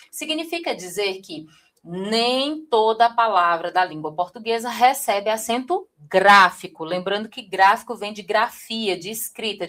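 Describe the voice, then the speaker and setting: A woman from Brazil teaching a live online writing class, talking straight to her viewers and often checking in with them. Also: mid-range voice. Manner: lively, addresses viewers directly, frequent "tá?" check-ins.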